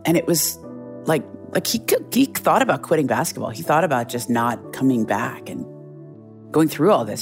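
A middle-aged woman journalist, a guest, tells a story in a conversational interview, her bass voice carrying vocal fry. She sounds earnest and reflective and often restarts her phrases.

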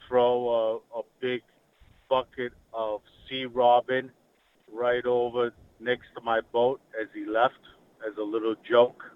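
A man gives a casual fishing report as a guest on a podcast. His audio is slightly dull and lo-fi, like a remote call. He talks in halting phrases with pauses mid-sentence. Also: mid-range voice, no echo.

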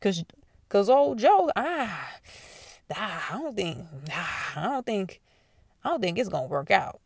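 An animated woman hosts a casual commentary podcast and talks straight to her listeners. Her voice sits fairly low and carries a gravelly edge. The recording is dry and close, with no room sound. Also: unhurried, no echo. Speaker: podcast host.

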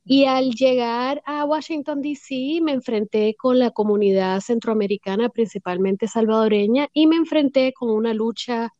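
A woman, speaking thoughtfully as an interview guest with many pauses and fillers. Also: mid-range voice, mellow, no room sound, dull audio. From Puerto Rico. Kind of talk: reflective storytelling.

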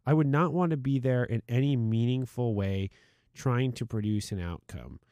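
A man co-hosting a podcast in an indoor studio, chatting casually at a middle pitch. He talks in long animated runs and jumps up high to mock clickbait. The sound is dry and close. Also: moderate pace, dry recording. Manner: animated, mocks clickbait in high put-on voices. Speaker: podcast co-host.

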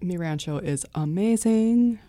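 Lower-voiced American woman, dry close sound. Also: lively intonation, a little slow, mellow, no room sound. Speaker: co-host of a shopping deals show. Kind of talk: casual co-hosted chat.

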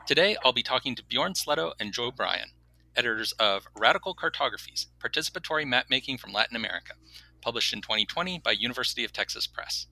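Gravelly, sharp-toned man host. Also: medium pitch, expressive, fast talker, no room sound, rough recording. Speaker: podcast host. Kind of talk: scripted intro and interview questions.

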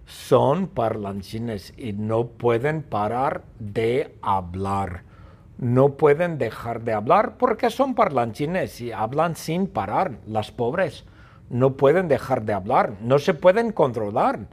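Un hombre que narra un cuento absurdo de forma juguetona y repetitiva. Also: male voice, medium pitch, slow pace, slightly rough. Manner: playful, repetitive, animated. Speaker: storyteller. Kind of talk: playful story narration.

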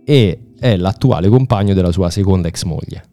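Man, emphatic informal storyteller, soft mellow timbre, repeats words, acts out dialogue, music behind. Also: low-pitched, brisk. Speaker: podcast host recounting a TV series. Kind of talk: animated informal storytelling among friends.

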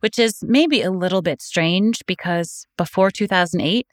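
A woman's voice: lowish voice, moderate pace, dry recording, clean studio sound. A woman co-hosting a podcast, narrating the story in a light, conversational way. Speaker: podcast co-host.

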